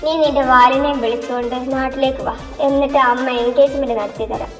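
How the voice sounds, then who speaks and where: A woman's voice: high voice, fairly even intonation, quick pace, close to an everyday voice. A woman voicing a middle-aged mother who nags and scolds her grown son. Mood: scolding. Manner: scolding, nagging. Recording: echoey room with long reverb, music behind.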